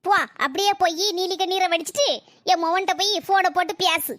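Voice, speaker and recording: Someone playing a shrill grumbling mother-in-law. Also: fairly even intonation, a little fast, fairly bright tone, no echo. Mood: quarrelsome. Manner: nagging, sarcastic complaints. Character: elderly grumbling mother-in-law, quarrelsome and self-pitying.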